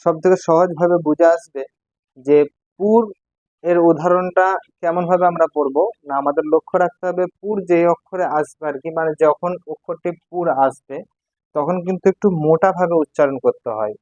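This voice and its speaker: Man teaching, spelling syllables slowly. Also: fairly high pitch, a little mellow, no echo, highs cut off. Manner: spells letters slowly and repeats syllables for learners. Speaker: Quran recitation teacher. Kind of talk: step-by-step recitation lesson.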